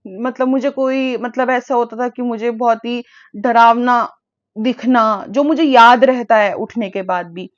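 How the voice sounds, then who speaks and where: Young woman vlogger, high voice, chatty animated storytime, hindi english mix, kinda muffled lo-fi sound. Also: a little slow. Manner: animated, mixes Hindi and English, many fillers. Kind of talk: casual storytime. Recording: dull lo-fi audio.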